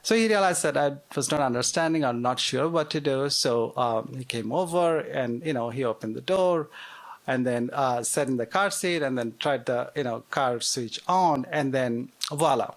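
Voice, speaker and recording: A man's voice: mid-range voice, normal speed. A man in his forties from Bangladesh with a Bangladeshi accent, telling a live story on stage with wry, self-deprecating humor and frequent fillers. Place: theater stage before a live audience.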